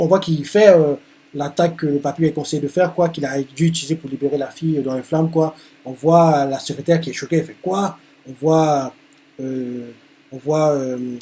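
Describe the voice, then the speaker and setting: Man, manga reaction streamer, slightly high voice, hesitant, many fillers, live panel narration. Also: warm tone.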